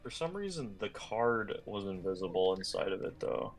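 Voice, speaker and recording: A man playing in a tabletop game, chatting casually, excitable and swearing freely. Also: lowish voice, moderate pace, gravelly, faint music behind.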